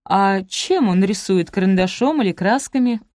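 A woman reading the part of a clever young duchess who speaks softly. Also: medium pitch, animated, moderate pace, dry recording, studio quality, natural voice. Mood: curious. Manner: soft-spoken.

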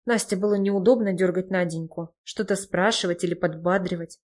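A woman narrating an audiobook in an even storytelling manner. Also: on the low side, a little fast. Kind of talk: scripted narration.

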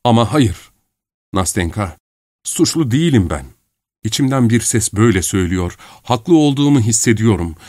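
A man's voice: lowish voice, lively intonation, moderate pace, a little mellow, dry recording, studio quality, natural voice. A man reading a novel aloud, giving heartfelt, earnest lines to a lovesick young man. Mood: confessing.

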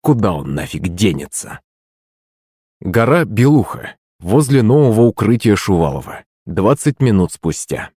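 A man with a fairly low, slightly breathy voice narrates an audiobook in the first person, reading at a steady, even and somewhat slow pace. The recording is close and dry, with no room reverb.

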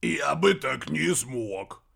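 A man voicing a gruff, feisty old grandfather creature in a storybook reading, speaking slowly and bluntly. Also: on the high side, animated, fairly bright tone, full character voice. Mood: approving.

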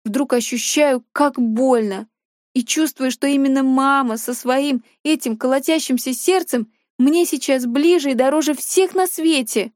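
A woman reading a first-person audiobook in an emotional, expressive way. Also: sits high, a little slow, no room sound, clean studio sound. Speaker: audiobook narrator.

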